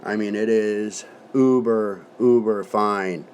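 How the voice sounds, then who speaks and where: A man's voice: lowish voice, steady tone, takes it slowly, a little mellow, a little hiss or hum. A man giving a casual, folksy product review to camera, talking with his lip packed full of dip and swearing now and then.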